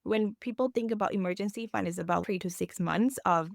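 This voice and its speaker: A woman's voice: mid-range voice, a little fast, vocal fry, no room sound, clean studio sound. A woman, explaining earnestly as a financial coach in a podcast interview, with phrasing. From Thailand.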